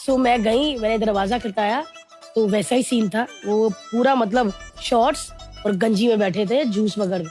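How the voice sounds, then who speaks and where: Woman interview guest from India, unhurried heartfelt storytelling, fairly high voice, faint music underneath. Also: darkish tone. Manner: slow, earnest, mixing English words into Hindi.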